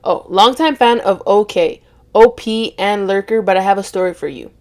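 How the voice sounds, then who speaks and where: A woman's voice: medium pitch, moderate pace. A woman reading online stories aloud as a storytime host, breaking in with blunt, sarcastic asides.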